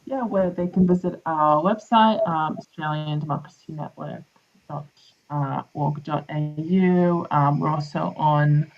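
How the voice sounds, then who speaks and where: A woman's voice: low-pitched, steady tone, a little slow, a little hiss or hum. A woman speaking as a guest in a conversational radio interview, with dull, muffled sound. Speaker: interview guest, advocacy organisation representative.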